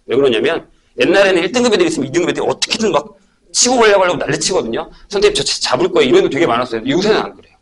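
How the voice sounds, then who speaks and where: A middle-aged man, a math academy teacher, giving an information session talk to parents and telling stories in an animated way. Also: a little high, racing. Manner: animated storytelling, acting out students and himself.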